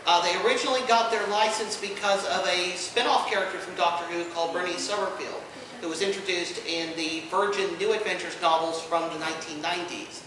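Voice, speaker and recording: This panel host and podcast co-host speaks briskly, his voice sitting high with fairly even intonation. Dry humor runs through his explanations at the informal convention panel. Recorded indoors, the audio is echoey, distant-miked and noisy.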